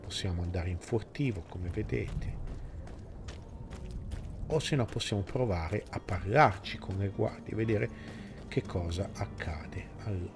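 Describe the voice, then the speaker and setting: A man's voice: low voice, normal speed. A man with an Italian accent giving casual gameplay commentary, thinking aloud in short phrases. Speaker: gaming video host. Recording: music behind the voice.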